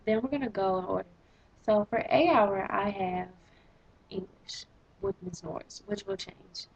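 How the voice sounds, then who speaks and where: A woman's voice: medium pitch, a little slow, creaky, slightly rough, highs cut off. Exasperated teenage girl vlogging. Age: teens. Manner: exasperated, sarcastic, animated complaining. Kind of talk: casual vlog rant.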